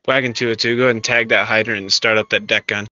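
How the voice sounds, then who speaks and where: A man's voice: lowish voice, flat delivery, fast. A male fire incident commander giving directive, procedural orders over a two-way emergency radio. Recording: dull lo-fi radio, faint static.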